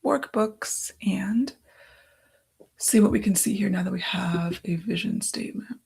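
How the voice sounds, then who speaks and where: Gravelly, husky woman thinking aloud. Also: lowish voice, steady tone, a little fast, a little mellow. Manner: thinking aloud, reading quotes from cards. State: losing her voice. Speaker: author. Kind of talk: casual talk-through of writing process.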